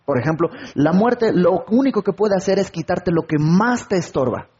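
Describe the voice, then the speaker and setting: A man's voice: sits high, lively intonation, moderate pace, darkish tone, husky, muffled recording. A man preaching a sermon, asking his listeners questions and acting out little everyday conversations. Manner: rhetorical questions and acted-out everyday dialogue.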